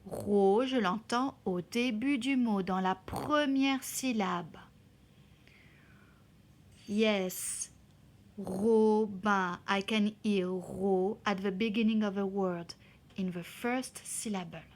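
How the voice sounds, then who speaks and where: A woman talks children through a classroom exercise at a very unhurried pace. She stretches out the syllables as she sounds them and keeps her voice at a medium pitch. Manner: slow, careful, spelling out syllables. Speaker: teacher. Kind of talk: slow classroom explanation in two languages.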